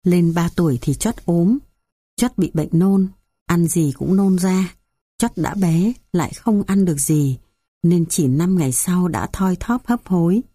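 A woman voicing an elderly male Buddhist monk recalling his childhood, speaking slowly and gently. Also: lowish voice, slightly rough, no room sound, studio quality. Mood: reminiscent. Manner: slow, gentle storytelling.

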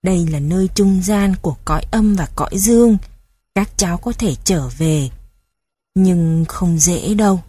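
A woman voicing a stern but caring old grandfather who speaks gravely and with authority. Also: fairly low pitch, unhurried. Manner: grave, commanding, gentle with children.

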